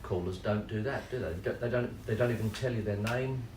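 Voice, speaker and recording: A man's voice: on the low side, a little fast, a little mellow, slight background noise. A man co-hosting a casual podcast, prompting with questions and stumbling over restarts. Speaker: podcast co-host. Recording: roomy echo, mic at a distance.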